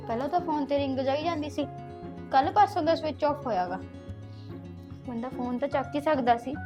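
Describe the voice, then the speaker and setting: An actress playing a defiant young woman in a Punjabi village drama, taunting and threatening to expose her secret husband. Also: very high voice. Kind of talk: rural village drama acting.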